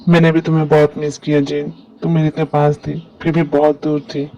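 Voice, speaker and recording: A man voicing a devoted, caring young man in a fan dub drama, speaking gently and reassuringly. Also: on the high side, monotone, fairly quick, highs cut off, lightly acted. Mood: tender.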